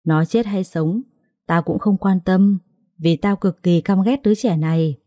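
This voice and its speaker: A woman doing a vicious sister-in-law who spits out threats with cold contempt. The voice sits low and dark, close and dry with no room sound, in a spoken storybook. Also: measured pace, no echo, natural voice. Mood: menacing. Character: cruel scheming woman, bitter sister-in-law.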